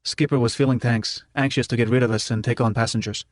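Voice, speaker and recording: A man's voice: medium pitch, steady tone, fast talker, dry recording, clean studio sound. A man narrating an audiobook in a clipped first-person voice that drops its articles. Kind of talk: scripted narration.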